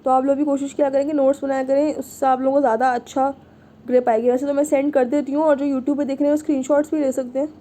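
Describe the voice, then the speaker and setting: A woman's voice: sits high, little pitch movement, fast, dark tone. A woman teaching an online Arabic class, patiently repeating and checking in with her students. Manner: patient, repeats "ठीक है" often.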